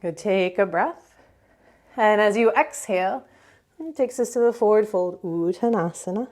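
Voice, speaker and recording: A woman teaching a yoga class, giving calm step-by-step cues for breath and movement. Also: mid-range voice, normal speed. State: slightly out of breath at times. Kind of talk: guided yoga class instruction.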